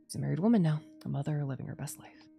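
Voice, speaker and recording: A woman's voice: sits low, very fast, creaky, mellow, soft background music. A woman voicing a weary, anguished male doctor in a visual novel, tender and self-blaming, with a subdued, heavy-hearted delivery. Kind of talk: visual novel dialogue reading.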